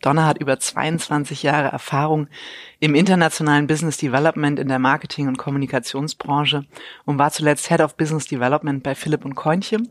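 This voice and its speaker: A woman's voice: deep voice, little pitch movement, brisk, no echo. A woman hosting a podcast in a conversational interview style. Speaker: podcast host.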